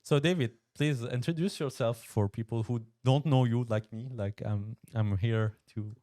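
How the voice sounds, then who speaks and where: A man hosting a podcast in a studio, friendly and a bit halting, with fillers. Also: medium pitch, mellow, no room sound. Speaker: podcast host. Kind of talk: casual interview chat.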